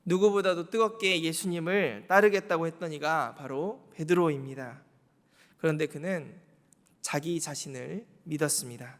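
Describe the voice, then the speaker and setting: Guy preaching in church, a bit high voice, lots of echo off the sanctuary, keeps asking the room questions and repeating stuff. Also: moderate pace, fairly bright tone. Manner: rhetorical questions and emphatic repetition. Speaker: pastor. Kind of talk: Wednesday evening sermon. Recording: reverberant church hall.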